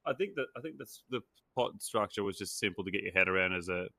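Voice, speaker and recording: A man guesting on a casual film podcast, with a lowish voice that still sounds bright. He talks in a laid-back, halting way, recorded dry and close. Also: lively intonation, vocal fry, no room sound. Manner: laid-back, hesitant, trails off. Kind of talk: casual chat.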